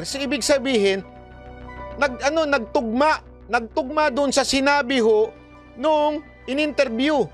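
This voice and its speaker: A man vlogger giving casual commentary on the news, addressing officials directly and laughing at his own jokes. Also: extremely high pitch.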